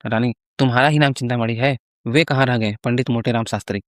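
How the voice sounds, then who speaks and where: A man's voice: mid-range voice, steady tone, fast talker, no room sound, studio quality, lightly acted. A man voicing an imperious queen who speaks curtly. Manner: curt, commanding.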